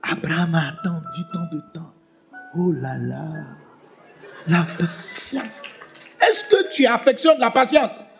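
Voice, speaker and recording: A pastor preaching a sermon, swinging between loud emphatic lines and hushed ones. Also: male voice, sits high, animated, slow pace, gravelly, faint music behind, some chatter behind.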